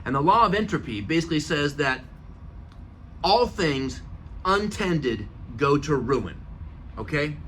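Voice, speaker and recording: Bright-voiced man giving an earnest pep talk. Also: fairly high pitch, big pitch swings, a little slow, pauses often, a little hiss or hum. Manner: earnest, emphatic, chanting affirmations. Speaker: show host. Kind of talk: motivational talk.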